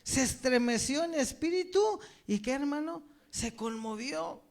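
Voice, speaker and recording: A man's voice: very high voice, lively intonation, unhurried, gravelly. A man preaching a sermon, reading scripture aloud and putting rhetorical questions to his listeners, often calling them brother. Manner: reads scripture aloud, then asks the congregation rhetorical questions; addresses listeners as brother, with many filler "right?" tags.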